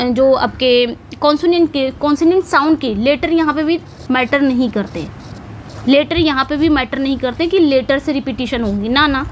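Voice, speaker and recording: A woman teacher explaining an English exam lesson patiently, repeating key points, asking students questions and reading English examples slowly and deliberately. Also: high voice, a little hiss or hum.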